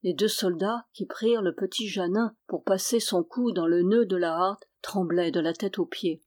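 A woman's voice: lowish voice, moderate pace, a little mellow. A woman reading a historical novel aloud as an audiobook, raising her voice for the quoted characters. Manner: lifts and raises the voice for quoted characters. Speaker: audiobook reader. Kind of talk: scripted narration of a historical novel.

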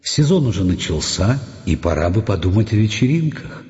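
A man narrating a literary audiobook in an expressive, measured way. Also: on the low side, husky, dull audio.

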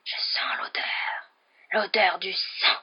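A cold, hungry monster voice. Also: female voice, medium pitch, level tone, takes it slowly, slightly rough. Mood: menacing. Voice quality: whispered, hissing. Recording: dull lo-fi recording.

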